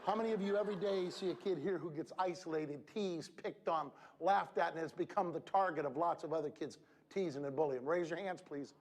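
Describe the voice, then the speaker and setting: A man giving an animated motivational speech to students at a school assembly, exuberant and calling out to the crowd with sudden shouts. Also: fairly high pitch, a little fast, hardly any pauses. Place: large school hall with student audience. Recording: echoey hall with faint crowd noise.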